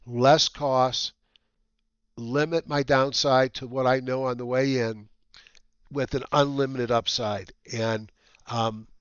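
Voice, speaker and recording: A man with a whistling nose hosting a market update as a trading educator, talking casually and haltingly with rambling asides. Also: medium pitch, steady tone, clean tone, no echo. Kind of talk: casual semi-scripted market commentary. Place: dry room at home. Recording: slightly dull, lo-fi dry recording.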